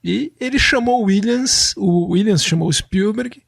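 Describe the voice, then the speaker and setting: A man's voice: sits high, measured pace, vocal fry, no echo, clean studio sound. A man co-hosting a podcast, explaining film history fluently in a storytelling way. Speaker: podcast co-host. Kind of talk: casual film music discussion.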